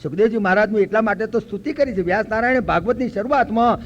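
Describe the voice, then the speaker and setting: An older man from Gujarat giving a spiritual lecture, telling stories and slowly chanting verses. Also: high-pitched, a little hiss or hum. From Gujarat, India. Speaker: preacher. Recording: dull lo-fi recording.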